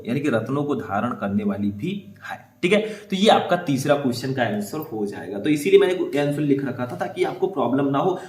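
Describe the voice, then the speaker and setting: A man teaching students how to write board exam answers, in a mid-pitched voice. He works through each step and keeps checking in with short confirmations. The recording has a noticeable echo, as if from a bare room. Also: a little mellow. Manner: explains step by step, says "ठीक है" often; reads passages aloud slowly. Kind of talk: board exam writing lesson.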